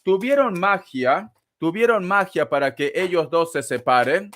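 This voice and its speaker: A man with a notably high-pitched voice hosts a tarot live stream, chatting with viewers as he reads their donations. He is playful, gossipy and campy, teasing people and calling them darling. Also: lively intonation, a little slow, a bit bright. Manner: gossipy and teasing, laughs often. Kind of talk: casual live-stream chat reading donations.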